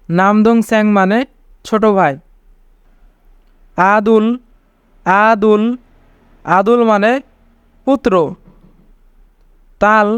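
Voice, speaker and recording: Male tutor, high and very flat voice, reads word lists slowly and clearly; dry, slightly dull recording. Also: dry recording. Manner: repeats each word slowly, then gives its meaning. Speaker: language teacher. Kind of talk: slow, scripted vocabulary lesson.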